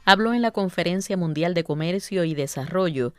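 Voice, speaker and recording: A woman with a Cuban accent reading a scripted historical radio series in a clear, formal way. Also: fairly low pitch, fairly quick, no room sound. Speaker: radio announcer.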